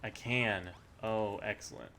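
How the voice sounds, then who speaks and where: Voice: mid-range voice, a little slow, vocal fry, sharp tone, a little hiss or hum. A gaming streamer giving casual, off-the-cuff commentary while playing.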